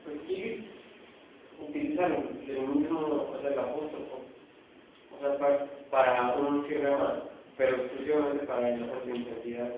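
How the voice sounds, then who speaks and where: A man student answers tentatively at a middle pitch, filling his pauses as he thinks. He is far from the mic in a very echoey room, and the sound is thin with faint noise. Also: steady tone. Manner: tentative, fills with "o sea". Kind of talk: classroom answer. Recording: distant, echoey, tinny recording.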